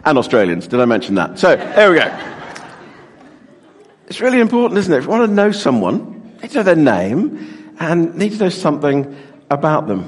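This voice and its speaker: A middle-aged man leads an interactive sermon with a lively, animated voice that rises and falls freely. He jokes warmly with the people in front of him and pulls them into the talk. His words ring out through a large church with a long, echoing reverb. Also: on the high side, normal speed, pauses often, a faint crowd. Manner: lively, joking, engages the congregation. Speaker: pastor. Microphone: handheld microphone. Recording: echoey church hall reverb.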